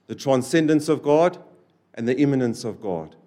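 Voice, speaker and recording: A man preaching a sermon to a church, repeating key phrases and swinging between loud, stressed lines and quiet, dropped endings. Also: mid-range voice, expressive, moderate pace. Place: church service.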